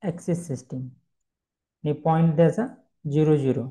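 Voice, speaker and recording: Man teaching software step by step. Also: a little high, fairly even intonation, normal speed, rough recording. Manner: explains step by step, mixing English terms, repeats questions and answers them. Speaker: software tutor. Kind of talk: screen-recorded software tutorial.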